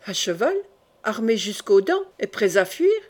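A woman voicing a suspicious, stern young French king who questions his court in a probing, quietly menacing way, in an audiobook. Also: medium pitch, sing-song, measured pace.

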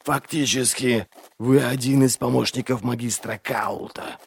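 A man voicing a stern crippled male inquisitor who questions prisoners slowly and coldly. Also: medium pitch, steady tone, creaky, breathy edge. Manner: slow, cold, deliberate questioning.

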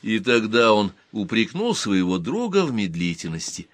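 Expressive low-voiced male audiobook narrator. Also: moderate pace, no echo. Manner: expressive storytelling.

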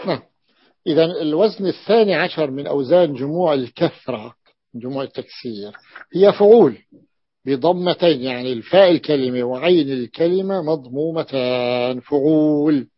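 A man teaching a classroom grammar lesson, his voice a little high and husky. He explains slowly and repeats each example word before giving its pattern. The recording is dry and dull, with a lo-fi sound. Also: no room sound.

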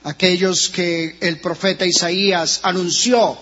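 A Colombian pastor, a man, preaches with a high, husky voice, his pitch leaping and falling. His words ring out in a long church reverb. The recording is muffled and dull. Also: fairly even intonation, slow, fairly bright tone. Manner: impassioned preaching with sudden rises and drops in pitch. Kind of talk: sermon. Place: church sanctuary.

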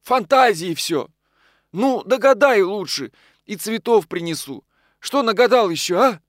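A man voicing a boastful, short-tempered working man in an audiobook, brash and gruff. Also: high-pitched, lively intonation, a little slow, no echo, studio quality, pitched above the performer's own voice. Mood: jocular. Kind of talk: audiobook character voice.

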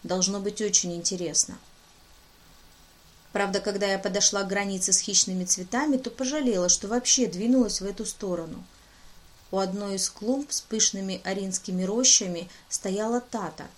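A woman's voice: medium pitch, steady tone, moderate pace. A woman narrating a fantasy romance audiobook in the first person, lightly voicing the dialogue.

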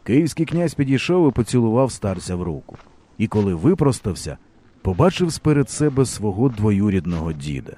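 Expressive male audiobook narrator. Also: fairly low pitch. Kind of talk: scripted narration of a historical novel.

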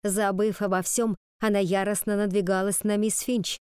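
A woman reading an audiobook in first-person narration with a measured storytelling delivery. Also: mid-range voice, little pitch movement, a little mellow, clean tone, no room sound, studio quality. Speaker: audiobook reader.

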